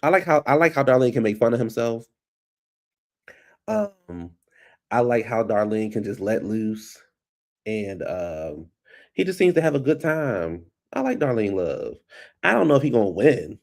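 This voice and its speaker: An unhurried, gravelly, slightly mellow mid-range voice with big pitch swings belongs to a man vlogging from his computer at home. He's congested and his voice is fading, and he rambles in a loose, chatty way on his own, calling listeners "baby."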